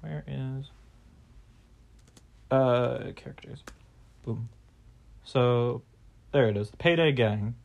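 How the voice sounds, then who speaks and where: A man's voice: medium pitch, extremely slow, gravelly, pauses often, dull audio. A young man hosting a casual podcast, rambling with lots of fillers and offhand swearing. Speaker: podcast host.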